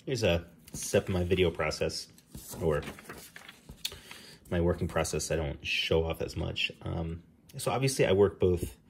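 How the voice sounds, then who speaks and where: Middle-aged New Jersey man, deep voice, casual tutorial talk with ums, faint room hiss behind. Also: gravelly. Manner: relaxed, rambling, with many ums and restarts. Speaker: comic artist.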